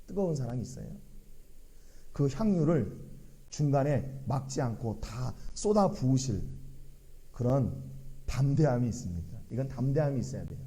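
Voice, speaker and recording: A man's voice: mid-range voice, warm tone. A middle-aged man preaching a sermon in a church, asking the congregation earnest rhetorical questions. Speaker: pastor.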